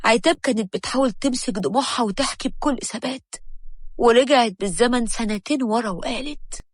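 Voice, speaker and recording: A woman narrating a scripted story in an Egyptian accent, with steady storytelling. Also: fairly high pitch, a little fast, breathy edge, dry recording, clean studio sound.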